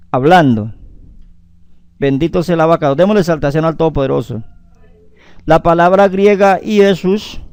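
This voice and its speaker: A man's voice: a little high, darkish tone, clear, resonant tone, no echo, studio quality. A man preaching a sermon on the weekly Torah portion, calling his listeners beloved, interjecting hallelujah often and citing chapter and verse at length.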